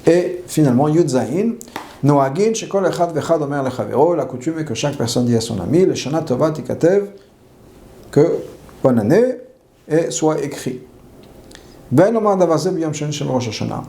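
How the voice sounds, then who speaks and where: Male rabbi teaching a law class, gravelly and dark-toned, reads Hebrew then explains, repeats key phrases. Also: a little high, expressive, moderate pace. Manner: asks questions and answers them himself.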